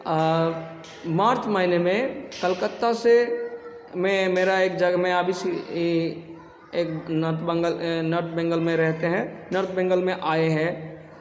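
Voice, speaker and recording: High-voiced guy explaining yoga poses, stops and restarts a lot, echoey room with faint background hum. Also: level tone. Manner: halting, with many restarts and throat clearing. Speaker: yoga teacher. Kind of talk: casual spoken instruction.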